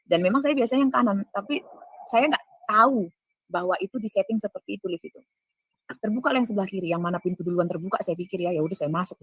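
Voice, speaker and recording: A woman with a husky, breathy voice recounts events in an earnest spoken testimony, turning to her listeners again and again. Her speech sits at a middling pitch, and the dry, close sound of her voice carries no room around it. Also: no echo, low-quality recording. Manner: earnest, addresses listeners as "Saudara", acts out quoted dialogue. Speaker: testifying speaker.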